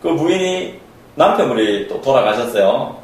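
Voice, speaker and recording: Animated man lecturing in an echoey room. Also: mid-range voice, normal speed, far from the mic. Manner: emphatic, repetitive, acts out quoted voices. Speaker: lecturer and counselor. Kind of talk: spoken lecture on human nature.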